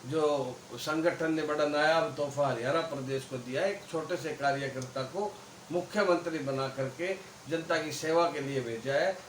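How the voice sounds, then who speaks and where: A man's voice: fairly high pitch, moderate pace. A man from Haryana, a party worker giving an interview, answering in a rhetorical, speechlike way with appeals to voters. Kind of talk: campaign-style interview answers. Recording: echoey, far from mic, faint noise.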